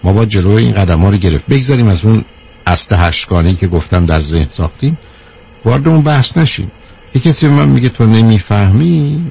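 A man giving a measured talk to a live audience, counting off his points one by one and answering a question from the room. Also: lowish voice, vocal fry, mellow, slightly rough. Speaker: speaker on anger management.

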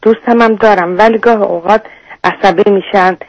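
Halting woman caller with a gravelly voice. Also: medium pitch, steady tone, no echo, dull audio. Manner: hesitant, hurt, halting. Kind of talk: phone-in conversation.

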